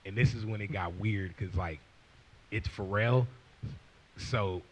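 This guest rapper, a young man in his twenties, talks slowly in a fairly low voice; the recording is low-quality with slight background noise. Holding a mic on a stage with a leather couch before an audience, he tells a long, casual, profane story that rambles along, acting out what others said.

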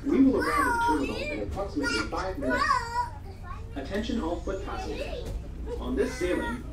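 A woman making formal, measured crew announcements over a ferry's public address loudspeaker. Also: lowish voice. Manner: measured, instructive. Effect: heard over a ship's public address loudspeaker. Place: aboard a ferry. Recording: echoey distant loudspeaker with loud noise.

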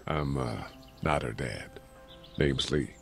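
An actor playing a calm, guarded man and former teacher in a video game, speaking in a measured way. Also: rumbling low, vocal fry, soft background music, full character voice.

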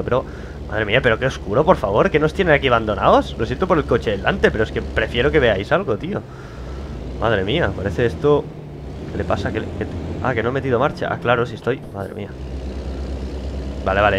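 A young man with a Spain Spanish accent, rambling and joking at himself in casual let's-play commentary from a home studio. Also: medium pitch. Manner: rambling, chatty, self-mocking, laughs often. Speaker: gaming YouTuber. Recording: loud driving game engine noise behind.

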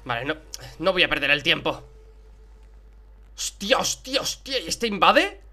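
A young man from Spain with a Spanish accent, giving excitable Let's Play commentary and swearing in surprise as he plays. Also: a little high, measured pace. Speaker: gaming YouTuber. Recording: game music behind.

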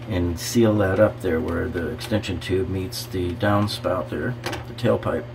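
Indoors in a home bathroom, a DIY remodeling host narrates a hands-on repair how-to, walking through each step practically and with casual fillers. He has a lowish voice, and a little hiss or hum is audible.

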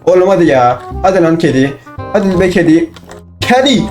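A young man commenting on his own gameplay, excitable, talking to himself and bursting into shouts. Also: a little high, fairly quick, soft background music. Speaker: gaming channel host.

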